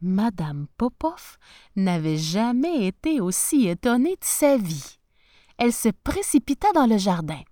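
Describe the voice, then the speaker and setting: A woman narrating a children's storybook with an expressive, animated reading voice. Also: medium pitch, unhurried, dry recording.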